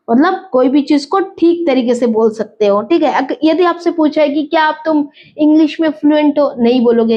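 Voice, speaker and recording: A woman teaching an exam vocabulary lesson, explaining slowly, repeating words and asking and answering her own questions. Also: sits high, muffled recording. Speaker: English teacher.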